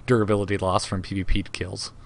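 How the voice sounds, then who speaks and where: A man's voice: low voice, little pitch movement, quick pace, creaky, a little hiss or hum. A man hosting a casual gaming news podcast, joking and laughing often while he reads patch notes aloud. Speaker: host.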